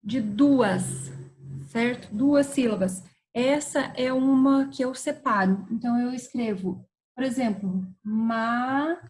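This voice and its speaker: A woman's voice: fairly high pitch, darkish tone, rough recording. A woman teacher, patiently explaining a grammar lesson and checking in with her students as she goes. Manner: patient, spelling words out slowly with frequent "tá?" and "certo?" checks.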